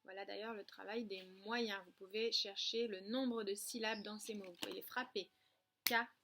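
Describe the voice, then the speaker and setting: A woman teaching a lesson to young children from a distance, patient and clear, stressing syllables and spelling words out letter by letter. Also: mid-range voice, fairly even intonation, moderate pace, fairly bright tone, a little hiss or hum. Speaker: kindergarten teacher. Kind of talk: remote classroom lesson.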